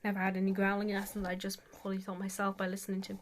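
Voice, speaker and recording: A woman's voice: medium pitch, completely flat delivery, very fast, a little hiss or hum. A woman giving a casual, rambling tutorial as an amateur vocalist, hesitant and self-deprecating, saying "like" very often.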